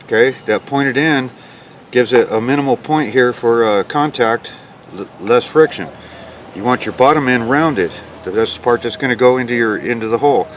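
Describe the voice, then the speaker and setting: A man giving a hands-on how-to demonstration in a plain-spoken, instructional way, often checking in with a quick okay. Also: mid-range voice. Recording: clear ambient and handling noise.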